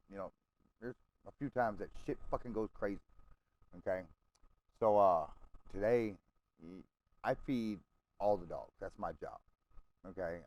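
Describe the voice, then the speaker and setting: A man's voice: low-pitched, rough recording. A man telling a long personal story to friends over game chat, swearing freely, rambling, and often checking in with "okay?" and "right?". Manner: profane, rambling, keeps checking in with listeners. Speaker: gamer chatting with friends.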